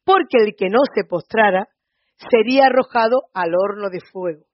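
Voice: medium pitch, normal speed, no room sound. A preacher with a Spain Spanish accent tells a Bible story in a chatty teaching way, often checking in with the listeners. The sound is dry and close, with a dull, slightly lo-fi tone. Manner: storytelling, often adds checking tag questions.

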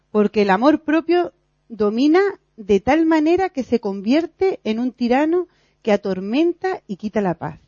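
A woman's voice: a little high, a little mellow, no room sound, highs cut off. A woman giving an earnest, confessional religious teaching, acting out her own worries aloud and laughing at herself. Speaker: lay teacher in a church group.

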